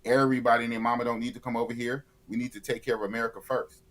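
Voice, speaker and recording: A man's voice: medium pitch, flat delivery, rapid-fire, fairly bright tone. A man of fifty, a YouTuber guest in a casual live interview, blunt and opinionated, often repeating himself. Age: 50s.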